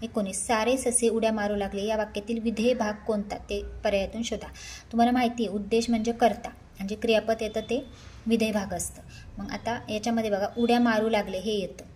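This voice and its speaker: A woman's voice: fairly high pitch, steady tone, brisk, a little mellow, slight background noise. Woman teacher patiently explaining test answers. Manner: patient, step-by-step, reads questions then answers.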